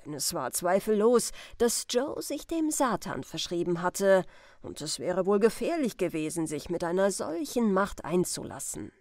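A woman reading a classic adventure story aloud as a bedtime audiobook, calm and expressive. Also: mid-range voice, moderate pace, no room sound, clean studio sound. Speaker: audiobook reader.

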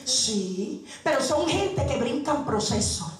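A woman evangelist delivers a fiery, joking sermon, calling out to the congregation. Her voice sits very high. It rings around a very echoey church, with the congregation answering behind her. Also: animated, normal speed, a crowd in the background. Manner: fiery, humorous preaching with call-outs to the congregation. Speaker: evangelist preacher. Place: church sanctuary. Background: congregation answering amen.

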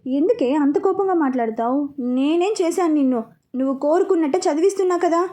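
A woman storyteller voicing a protective, quick-tempered young man who scolds and commands. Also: high-pitched, mellow, pitched above the performer's own voice, natural voice. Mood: angry.

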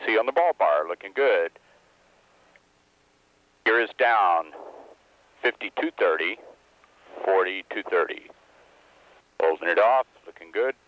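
Over a headset intercom, a man with a low, expressive voice gives terse landing callouts of altitude and speed from a spacecraft cockpit, unhurried and with long pauses. He's a shuttle crewmember, and the old cockpit recording sounds dull and faintly hissy.

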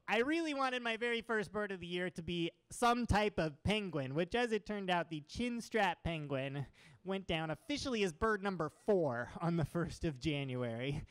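A man's voice: high-pitched, smooth, dry recording. A young man from Oregon giving an enthusiastic talk with slides to a seated audience in a small crowded room, speaking into a handheld microphone. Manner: enthusiastic, gestures with his free hand while talking. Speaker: guest speaker.

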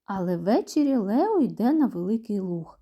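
A woman reading a children's storybook aloud for kindergarten children in an expressive manner. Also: medium pitch, normal speed, husky. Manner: expressive, animated.

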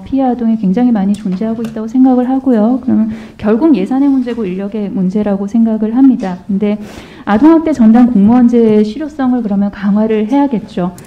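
A woman's voice: mid-range voice, muffled recording. A woman lawmaker questioning a minister at a hearing in a firm, pointed way. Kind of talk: parliamentary questioning.

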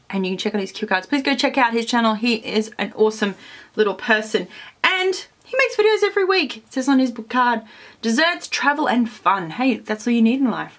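An Australian food vlogger with a high, slightly bright voice chats enthusiastically through a casual taste-test, full of "like" fillers. She's filmed on a camera set on a tripod.

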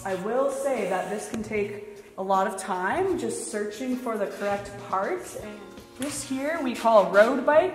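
Young woman doing a how-to tour in a big echoey warehouse, lots of reverb, bit of music behind. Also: medium pitch. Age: young adult. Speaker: bike shop tour guide. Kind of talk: explanatory walk-through tour. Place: large indoor warehouse. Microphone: clip-on chest mic. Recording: roomy empty warehouse echo, long reverb.

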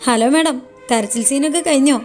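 A woman's voice: high-pitched, a little fast, a little mellow, soft background music, close to an everyday voice. A woman voicing a teasing, easygoing young man in a spoken love story, chatting in a playful, bantering way.

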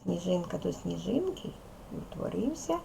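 A woman's voice: lowish voice, sing-song, normal speed, gravelly, mellow, slight background noise, low-quality recording. A woman with a Ukrainian accent teaching young children in a recorded video lesson, patient and speaking to them directly. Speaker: primary school teacher.

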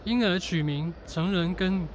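A man with a fairly high voice talks offhand into a handheld phone camera as he walks an outdoor city square. He counts the stalls aloud and chats in a relaxed street-commentary way. Loud traffic and street noise fill the background. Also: unhurried, muffled recording. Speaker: vlogger filming a street walk.

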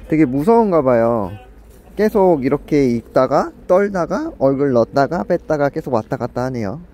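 A man's voice: on the high side, animated, moderate pace, warm tone, a little hiss or hum. A man narrating a pet vlog in a friendly, chatty way, talking straight to his viewers. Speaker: pet vlogger.

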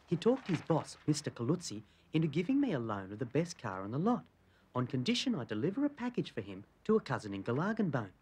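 A man's voice: fairly high pitch, huge pitch swings, fast talker, darkish tone, slightly rough, full character voice. An actor playing a naive, trusting young man who asks nervous, hesitant questions, with an Australian accent.

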